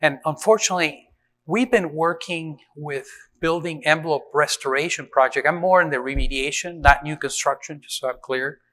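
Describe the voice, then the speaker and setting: Brief: middle-aged man from Venezuela, fairly high voice, informal conference talk, hall reverb. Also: normal speed, a bit bright. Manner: conversational, with frequent fillers and restarts. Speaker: conference speaker on building maintenance.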